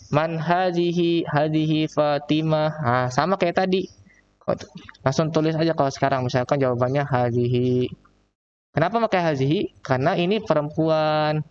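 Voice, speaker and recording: A man teaching Arabic with a Jakarta accent, slowly drawing out the example phrases in a recorded online lesson. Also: fairly high pitch, darkish tone, muffled recording, a little hiss or hum. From Indonesia. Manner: slow, drawn-out reading of example phrases. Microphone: laptop mic.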